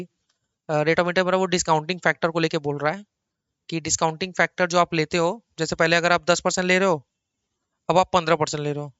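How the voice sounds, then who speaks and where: A middle-aged man teaching an accounting lecture at a laptop, chatty and animated, repeating words for emphasis and teasing his students in asides. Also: fairly high pitch, clean tone, dry recording, lo-fi sound. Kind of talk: recorded online lecture. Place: small room at a laptop.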